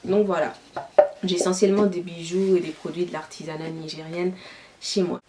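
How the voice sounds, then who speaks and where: A woman's voice: on the low side, level tone, moderate pace. A woman from Niger with a light Nigerien French accent, chatting casually as a YouTuber at home and answering questions with frequent filler phrases. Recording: distant mic with faint hiss.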